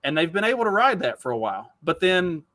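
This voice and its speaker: 40 yo guy ranting on a podcast mic, swears a lot, punchy bright voice, dry sound. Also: on the high side, big pitch swings, fast talker, dry recording. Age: 40s. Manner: profane, rambling, many restarts. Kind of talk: casual podcast chat.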